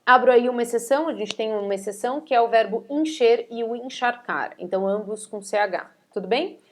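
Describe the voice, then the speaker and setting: A woman's voice: a little high, fairly quick, slight background noise. A woman with a Brazilian Portuguese accent, a teacher explaining spelling rules step by step and often checking in with her students. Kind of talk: recorded spelling lesson.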